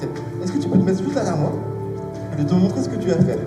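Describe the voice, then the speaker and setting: Casting: male kids' party magician, playful storytelling patter, high voice, reverberant live venue with clear music behind. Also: expressive, quick pace. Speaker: stage magician performing with volunteers. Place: live festival show, voice carried through a reverberant space. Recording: echoey hall, distant mic, music behind.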